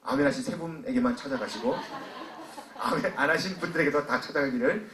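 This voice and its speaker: A male pastor preaching a sermon, swinging from hushed asides to loud, fervent appeals and acting out voices. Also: mid-range voice, a little fast, crowd noise. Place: church sanctuary. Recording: echoey church hall from a distance.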